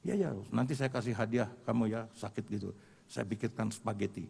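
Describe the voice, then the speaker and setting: A man voicing an easygoing Italian soldier who brags about his cooking, speaking lower and calmer than his own voice. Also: a little fast, creaky, slightly rough, heavily acted. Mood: reassuring. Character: easygoing Italian male soldier, boastful cook. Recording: reverberant hall sound.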